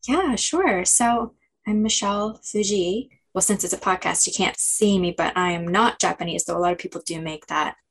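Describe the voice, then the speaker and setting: A woman's voice: mid-range voice, normal speed, slightly rough. Friendly American woman podcast guest. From United States. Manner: friendly and relaxed, with fillers and small laughs. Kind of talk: casual interview talk.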